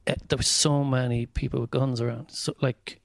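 A man's voice: mid-range voice, little pitch movement, moderate pace, creaky, no echo, clean studio sound. A man with a west of Ireland accent, chatting casually and telling comic stories in a wry, self-deprecating way. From County Mayo, west of Ireland. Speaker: stand-up comedian guest. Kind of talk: casual chat, comic anecdotes.

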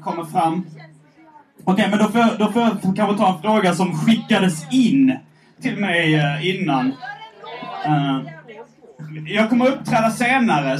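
On stage before a live audience, a male podcast host chats and reads listener letters, his talk full of hesitant fillers. His voice is high-pitched, picked up from a distance on a handheld mic, and the recording sounds rough.

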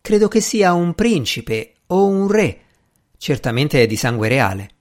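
A gentle young lady speaks in a raised, lilting voice that rises and falls freely, as a male reader puts her on. She is earnest and a little teasing. It is a storybook reading. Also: fairly high pitch, very animated, a little slow. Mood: playful. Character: young woman, gentle and good-natured.

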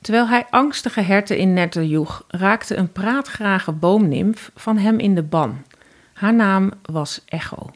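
A woman with a Dutch accent narrating a fairy tale in a calm, even storytelling voice. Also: mid-range voice, takes it slowly.

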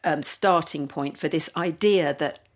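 Surrey mum type, low voice, chatty and keen, lots of ums. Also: female voice, unhurried. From Surrey, England. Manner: chatty, enthusiastic, many ums. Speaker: podcast co-host and singer. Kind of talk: casual chat.

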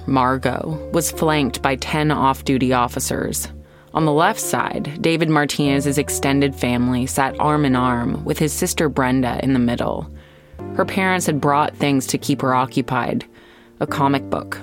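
An American woman with a rumbling low voice hosts and narrates a scripted true-crime podcast. She tells the story in a measured way, using deliberate pauses.

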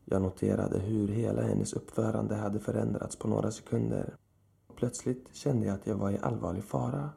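A man telling a scripted horror story in the first person, in a slow, measured way. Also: fairly low pitch, fairly even intonation, vocal fry, mellow. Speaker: narrator.

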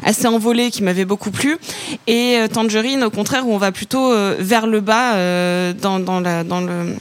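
A sleep-deprived woman talks as a critic in casual film chat. She is hesitant and digressive, slipping into slang, in a mid-pitched voice. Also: moderate pace.

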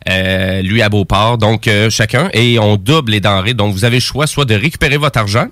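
A man's voice: lowish voice, a little fast, fairly bright tone, no room sound, studio quality. A man with a Quebec French accent co-hosting a casual radio talk show, explaining at length with many fillers. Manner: rambling, explanatory, heavy with fillers. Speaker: radio co-host. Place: radio studio.

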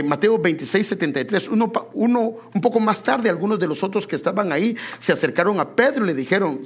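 A man preaching a sermon in an animated way, often calling his listeners beloved brother. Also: sits high, husky. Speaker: pastor.

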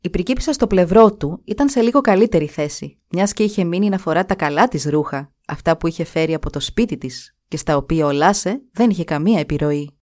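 A woman's voice: lowish voice, lively intonation, few pauses, darkish tone. Woman narrating a fairy tale expressively. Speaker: storyteller.

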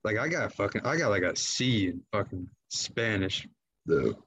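A man's voice: on the low side, sing-song, moderate pace, fairly bright tone, a little hiss or hum. A young man in casual chat, rambling with lots of "like" and swearing.

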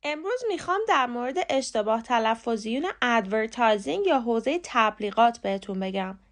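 A woman who hosts a podcast and teaches English pronunciation, speaking clearly and in measured steps, spelling words out letter by letter. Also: fairly high pitch. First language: Persian. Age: adult with a young son. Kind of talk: short scripted lesson.

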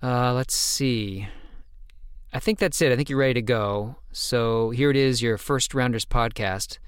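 A man's voice: medium pitch, measured pace, clean tone, no echo, clean studio sound. A man hosting a science podcast interview, speaking in a conversational way with frequent restarts. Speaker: podcast host.

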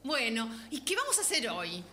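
A woman's voice: a little high, huge pitch swings, normal speed, sharp tone, heavily acted. An actress playing a vain, brash woman who tells her story boastfully and dramatically. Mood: triumphant. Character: brash, vain, self-satisfied diva-like woman.

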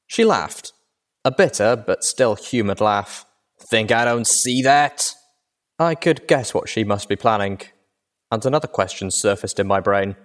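A man reads a fan fiction audiobook aloud in the first person. His voice sits low and steady, with measured storytelling and no hurry. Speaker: audiobook reader.

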